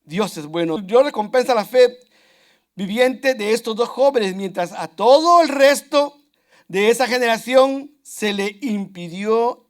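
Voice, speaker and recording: A man preaching a sermon to his congregation in an earnest, repetitive way, often calling out to his brothers and sisters. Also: high voice. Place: church.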